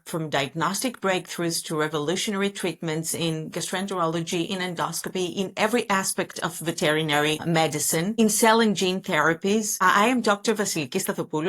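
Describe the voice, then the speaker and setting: With a lowish, fairly bright voice, this woman, a veterinary specialist, hosts a podcast. She presents and interviews in a scripted way, sounding eager and full of compliments.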